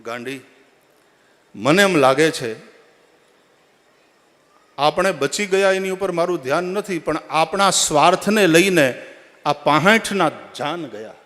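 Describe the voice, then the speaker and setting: A man's voice: fairly high pitch, a bit bright. A man voicing a remorseful village husband in a parable, speaking earnestly, with a long hall echo around him.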